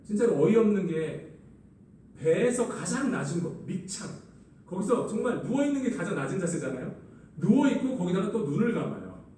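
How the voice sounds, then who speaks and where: Korean pastor preaching in an echoey hall. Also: male voice, high-pitched, moderate pace, distant mic, slight background noise. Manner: expressive preaching, acting out quoted lines. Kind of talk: sermon.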